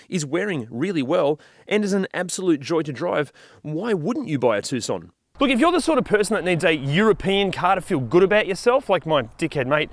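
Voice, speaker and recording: A man with an Australian accent presents a used car review outdoors beside a car, upbeat and animated, swearing when he fluffs his lines. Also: high-pitched, no room sound.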